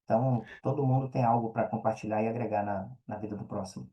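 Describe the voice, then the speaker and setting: A man with a Brazilian Portuguese accent gives casual interview answers as a guest, speaking in a lowish voice with fairly even intonation at a quick pace. He is an affiliate marketer and mentor who uses slangy phrasing and keeps adding check-in tags. The audio has its highs cut off.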